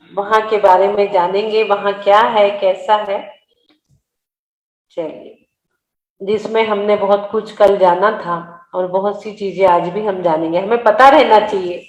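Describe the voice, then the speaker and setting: A woman's voice: medium pitch, roomy sound, low-quality recording. A woman leading an online scripture study class, patiently correcting her students' pronunciation word by word. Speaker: religious study class teacher. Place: online video meeting.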